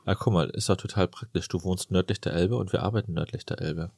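A man's voice: deep voice, fast, creaky, a little mellow, breathy edge, dry recording, studio quality. A man hosting a casual podcast interview, chatty and joking, telling anecdotes with gusto. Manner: jokey, chatty storyteller. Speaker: podcast host and plastic surgeon.

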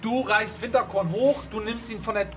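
A man's voice: high voice, steady tone, normal speed, over music. A man playing a tabletop game, goofy and joking with the others. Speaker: player. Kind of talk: casual chat during a tabletop game.

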